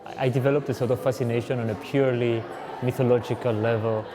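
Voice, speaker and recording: A man speaking reflectively and hesitantly in a documentary interview, with many pauses and fillers. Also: mid-range voice, fairly even intonation. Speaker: artist. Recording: clear music underneath.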